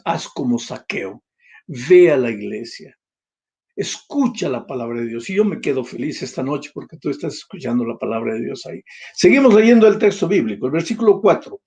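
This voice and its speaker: A man's voice: fairly high pitch, a little mellow, muffled recording. An older man with a Peruvian Spanish accent, preaching a sermon and telling an emotional story, often rising to emphatic cries. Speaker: pastor.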